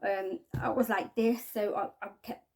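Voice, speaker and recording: A woman giving a halting, earnest personal testimony to camera, often trailing off quietly. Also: mid-range voice, level tone. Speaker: spiking victim sharing her story.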